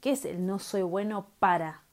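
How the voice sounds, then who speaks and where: A woman's voice: medium pitch, expressive, normal speed, darkish tone. A woman with a Rioplatense Spanish accent, hosting a reflective solo podcast in a conversational tone, full of fillers and "¿no?" tags. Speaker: podcast host.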